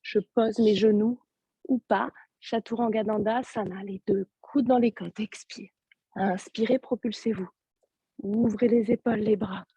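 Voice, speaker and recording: Soft-spoken husky woman guiding yoga. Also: mid-range voice, unhurried, lo-fi sound. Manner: soft-spoken, calm step-by-step cues. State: sore throat. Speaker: yoga teacher. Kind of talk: guided yoga class instruction. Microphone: video call.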